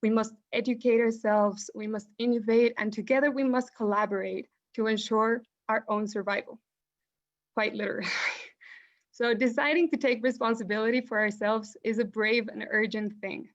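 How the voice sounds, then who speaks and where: A woman's voice: a little high, steady tone, moderate pace. A young woman from Mexico closing a talk as a guest speaker, earnest and urgent. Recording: dull lo-fi call audio.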